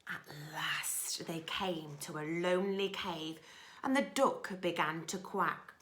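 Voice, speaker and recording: Female primary-school storyteller: slow, bright, dramatic, with hushed asides for young listeners. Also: on the low side, fairly even intonation, slight background noise. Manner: dramatic, alternating loud lines with hushed asides. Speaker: teacher reading storytime for young children. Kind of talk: expressive children's story reading.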